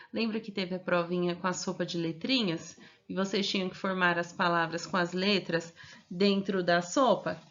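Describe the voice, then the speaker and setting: A woman's voice: mid-range voice, fairly bright tone, highs cut off. A woman with a Brazilian accent, a primary school teacher who records class instructions and explains each step patiently, checking in often with her pupils. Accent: Brazilian Portuguese.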